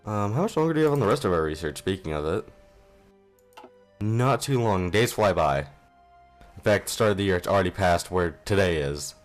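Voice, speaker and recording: Deep-voiced young man rambling over gameplay. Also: animated, fast, faint music behind. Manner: rambling, self-deprecating, offhand. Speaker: gaming channel host. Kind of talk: casual let's play commentary. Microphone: modest home mic.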